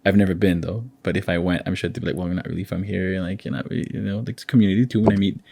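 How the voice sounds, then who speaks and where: A man's voice: low-pitched, fairly even intonation, racing, vocal fry, slightly rough, dry recording. A man speaking as a podcast guest in easygoing conversation, thoughtful and agreeable. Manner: thoughtful, agreeable, warm affirmations. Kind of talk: casual conversation.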